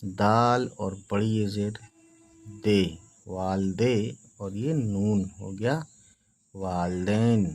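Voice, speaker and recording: A man's voice: on the low side, extremely slow, pauses often, darkish tone. A man teaching beginners to read, spelling each word letter by letter and reassuring often that it is easy. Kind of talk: slow spelled-out reading lesson.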